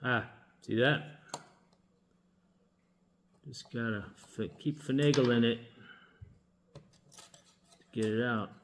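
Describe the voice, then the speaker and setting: A man who works as a locksmith, giving a casual hands-on demonstration and thinking aloud in a relaxed, halting way while he works. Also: mid-range voice, slight background noise. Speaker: locksmith demonstrating key making.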